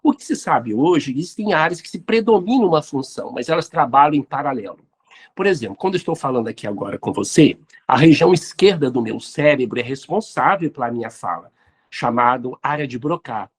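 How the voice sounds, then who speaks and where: A man's voice: mid-range voice, animated, fairly quick, breathy edge. A man, hosting and answering listener questions in an explanatory talk on neuroscience and spirituality. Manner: didactic, addresses listeners directly.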